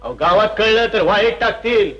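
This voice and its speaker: Stern villager, warning tone, dull old film sound. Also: male voice, sits high, moderate pace, fairly bright tone.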